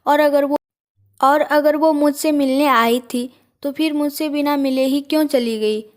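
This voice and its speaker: A woman voicing a flustered, quick-tempered young woman who works in an office. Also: high-pitched, steady tone. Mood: puzzled.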